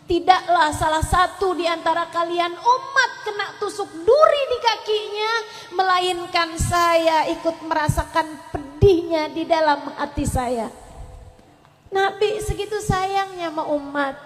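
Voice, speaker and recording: High-voiced woman preaching in a reverberant hall. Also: measured pace, faint music behind. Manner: emotive, swings from loud pleading to soft tender tones. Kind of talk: religious sermon.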